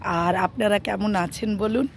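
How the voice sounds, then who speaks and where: A middle-aged woman with a hoarse voice from a cold, chatting softly and slowly with her viewers in a casual vlog, with many fillers. She talks into a handheld phone on a rooftop in the morning. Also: medium pitch, fairly even intonation, a little hiss or hum. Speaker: vlogger.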